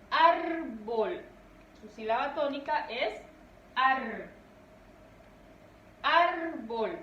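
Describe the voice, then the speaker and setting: Woman teacher for a lesson, unhurried delivery, stressed syllables, recorded from a distance in a faintly noisy room. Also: high-pitched, dull audio. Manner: slow, deliberate, stresses syllables. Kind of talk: classroom grammar lesson. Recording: echoey room, distant mic, faint noise.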